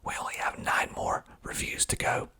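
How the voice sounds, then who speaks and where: A filmmaker and actor reads reviews of his own film in a breathy ASMR whisper, dropping wry, understated asides. His pace is moderate and his tone sharp.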